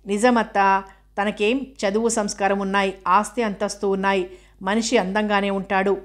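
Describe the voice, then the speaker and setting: A woman's voice: medium pitch, flat delivery, normal speed, lightly acted. A woman reading the lines of an eager young bride-to-be in a novel, in an evenly paced, level voice.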